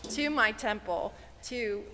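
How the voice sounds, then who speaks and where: A woman's voice: on the high side, slow, pushed and bright, in a large hall, a little hiss or hum. A woman giving a formal, respectful introduction of a guest speaker at a worship service. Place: synagogue sanctuary.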